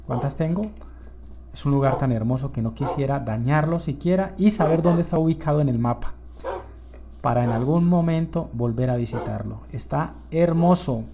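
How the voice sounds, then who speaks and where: Gravelly, excitable gaming commentator man. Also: on the high side, slight background noise. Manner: enthusiastic, easily excited, addresses viewers as "señores". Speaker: gameplay video host. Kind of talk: live gameplay commentary.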